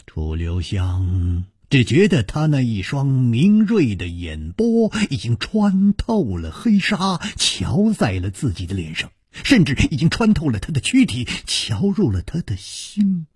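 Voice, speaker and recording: A male storyteller narrating a martial-arts tale in a broadcast storytelling style. His slow, husky voice swings widely in pitch, dry and close to the mic. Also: wildly swooping pitch, a little mellow, no room sound.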